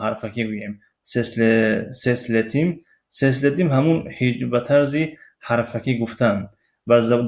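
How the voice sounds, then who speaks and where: A man with a Tajik accent teaches a recorded language lesson slowly, pausing often, using fillers, and spelling out letters one by one. His voice is mid-range, gravelly, and a little mellow.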